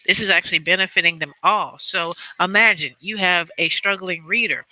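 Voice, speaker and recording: Bright, high-voiced male teacher. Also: moderate pace, rough recording. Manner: animated, emphatic, laughs. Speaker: special education teacher. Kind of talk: conference panel discussion.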